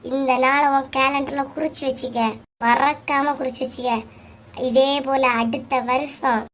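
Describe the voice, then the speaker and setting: A very high, squeaky cartoon voice of bickering village women, done by one woman. She nags and scolds in quick banter with a Kanyakumari Tamil accent. A faint hiss sits under the voice. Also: fairly even intonation. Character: bickering, sharp-tongued village women neighbors. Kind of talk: cartoon comedy voice acting.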